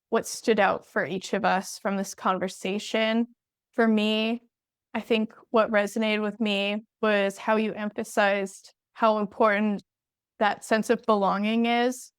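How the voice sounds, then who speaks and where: A woman hosting a podcast interview, speaking in a measured, appreciative and reflective way. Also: medium pitch, level tone, clean tone, dry recording, studio quality. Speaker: podcast host.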